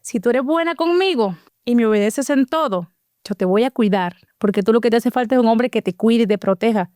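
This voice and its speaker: A woman's voice: a little high, brisk, dry recording, studio quality. A middle-aged woman, a guest animatedly telling her personal life story and acting out the dialogue. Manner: animated storyteller who acts out quoted dialogue. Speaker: interview guest.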